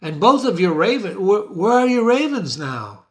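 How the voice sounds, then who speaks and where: A man voicing a furious old witch who shrieks and curses in a high, loud voice. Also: sing-song, normal speed. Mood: fawning. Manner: shrieking, cursing.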